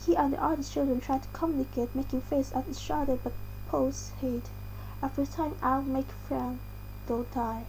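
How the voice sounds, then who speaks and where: High-voiced Indonesian-accented woman reading aloud. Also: steady tone, moderate pace, a little mellow, slight background noise, poor audio. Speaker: reader. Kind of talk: article read aloud.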